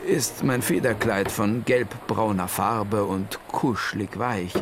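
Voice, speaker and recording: A man voicing an old male owl who tells his own adventure in a playful, lively children's audiobook style. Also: mid-range voice, noisy background. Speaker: first-person storyteller. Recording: music playing under the voice. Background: music.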